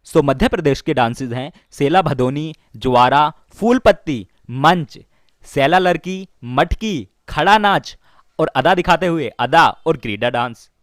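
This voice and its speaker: Brief: male exam-prep teacher, slightly raised pitch, dry close mic, repeats mnemonic stories. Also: lively intonation, no room sound. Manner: explains slowly with stories and repeats key lines. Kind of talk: mnemonic lesson for exam students.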